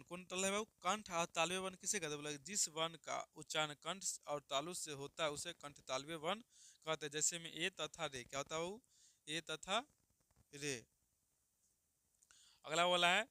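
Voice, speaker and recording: A man's voice: on the high side, bright, forceful tone, clean tone, dry recording. A man teaching a grammar lesson, who keeps asking his listeners questions, answers them himself and sounds out each letter for them to repeat. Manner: sounds out letters slowly for students to copy.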